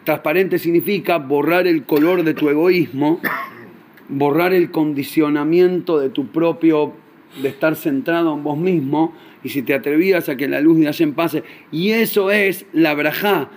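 A man with a Rioplatense Spanish accent teaching in a storytelling sermon, animated and acting out the characters. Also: a little high, moderate pace.

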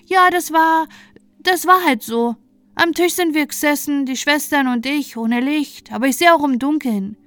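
A woman's voice: sits high, normal speed, fairly bright tone, no room sound, faint music behind, voice pushed up. A woman voicing a cheeky little peasant boy who chatters boastfully in dialect. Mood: chirpy.

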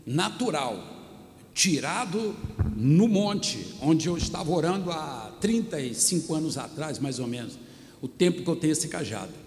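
A pastor preaching a sermon, telling stories and acting out the dialogue himself. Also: male voice, a little high, darkish tone. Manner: storytelling, acting out dialogue in his own voice. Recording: echoey hall, faint ambience.

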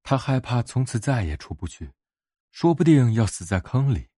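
Husky male bedtime-story narrator. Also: medium pitch, sing-song, moderate pace, dark tone, dry recording, clean studio sound.

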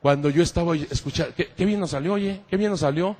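A priest delivers a lively, fast-paced sermon full of animated anecdotes in a fairly high voice, driving phrases home through repetition and affectionately calling his listeners "mijos." Long reverb makes his voice ring out as if filling a large hall.

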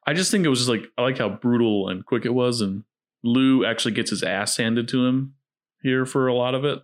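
A man's voice: medium pitch, fairly quick. A man hosting a casual film commentary, talking in a jokey, conversational way. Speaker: podcast host.

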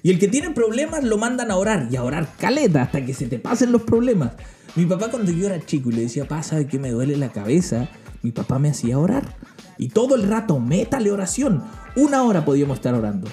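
Playful Chilean man, lively pitch. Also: fast, soft background music. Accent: Chilean Spanish. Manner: playful, self-mocking, mimics voices. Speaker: podcast host. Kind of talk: humorous faith monologue.

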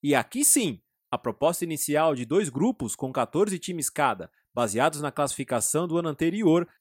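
A Brazilian man narrates a scripted football history in a high, husky voice. His pitch moves in a lively way, and the sound is dry and close. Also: normal speed, dry recording. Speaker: narrator and host.

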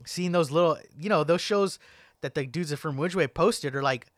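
A man's voice: a little high, normal speed, no room sound, clean studio sound. A young man hosting a podcast, chatting casually and rambling with lots of "like" and "man". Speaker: podcast host. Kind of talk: casual chat.

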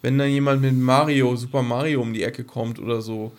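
In loose, unscripted podcast talk, a middle-aged male co-host explains things and checks for agreement. He speaks fairly quickly at medium pitch with fairly even intonation.

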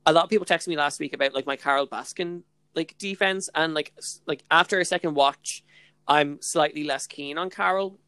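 A woman's voice: deep voice, a little fast, fairly bright tone, clear, resonant tone, dry recording. A young Irish woman co-hosting a podcast, chatting casually in a bubbly, gushing way peppered with filler slang. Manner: bubbly, gushing, heavy use of "like" and "literally". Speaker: podcast co-host. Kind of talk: casual chat.

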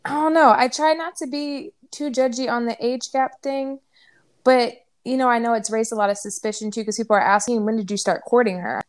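A woman chatting casually on a podcast, blunt and animated, swearing freely. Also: fairly high pitch, a little fast, smooth. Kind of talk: casual chat.

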